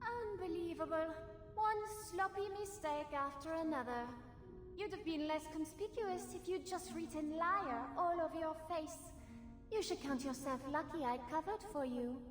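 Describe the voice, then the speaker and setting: A woman's voice: very high voice, moderate pace. A woman voicing a haughty, berating spirit inside someone's head for a game, speaking formally through an echoing effect. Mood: scornful. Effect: echoing, reverberant voice in the head. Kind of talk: game voice acting. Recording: heavy echo and reverb over music.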